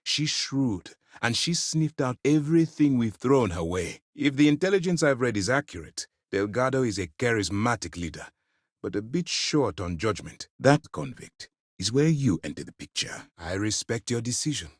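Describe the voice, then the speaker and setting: An actor playing a stern, principled space fleet commander in a video game, speaking formally and with authority. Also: male voice, medium pitch, animated, normal speed, no echo, studio quality, natural voice. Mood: measured, resolute. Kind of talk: scripted video game character dialogue.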